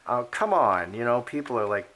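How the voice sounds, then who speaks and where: A man's voice: mid-range voice, very animated, moderate pace, fairly bright tone, slight background noise. A man reading playing cards and commenting in a rambling, opinionated monologue, full of fillers and restarts. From Polish heritage. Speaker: card reader and commentator. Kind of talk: casual monologue.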